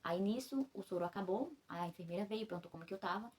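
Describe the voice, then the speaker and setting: A woman's voice: medium pitch, fast, a little mellow, slightly rough. A young woman from Brazil recounting a personal story in a rambling way, full of fillers and self-corrections, while recovering after childbirth. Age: young adult. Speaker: vlogger.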